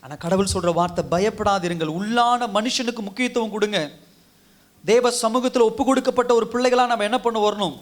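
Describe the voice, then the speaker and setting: High-voiced man preaching with repetition. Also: steady tone, a little fast. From India. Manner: exhorting, repetitive preaching cadence. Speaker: pastor. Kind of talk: Tamil sermon.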